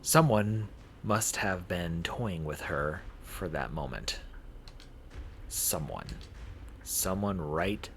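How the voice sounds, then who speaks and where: Narrating a visual novel live for his stream, a man with a deep, animated voice reads the game text aloud slowly, pausing often, tripping over words, and rereading lines. Background noise can be clearly heard.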